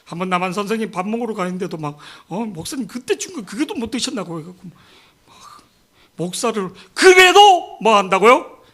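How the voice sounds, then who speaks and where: A male pastor delivering a sermon with a high voice. He talks in a lively, anecdotal way and keeps asking the congregation for an amen. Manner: lively, calls for "amen" often, anecdotal asides.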